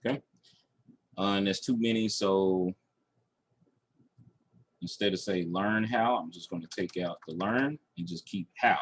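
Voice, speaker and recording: A man with a deep voice teaches online marketing in a screen-share tutorial, talking through each step aloud. He's unhurried, with long pauses, and keeps checking in with "okay" and "all right."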